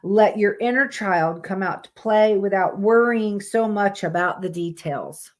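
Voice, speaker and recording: A woman's voice: mid-range voice, measured pace. A woman streaming live, reading out monthly horoscopes in a casual way and breaking off with blunt, swearing asides. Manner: reads aloud plainly, breaks off with swearing asides.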